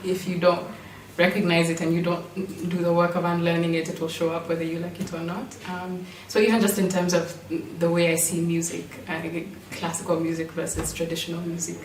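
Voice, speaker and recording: Her accent is Kenyan with a British-school influence, and her voice is lowish with little pitch movement. A performer, she offers a reflective personal talk to a group at an in-person indoor meeting, thinking aloud in a halting, thoughtful manner. A distant mic picks her up in an echoey room with faint noise.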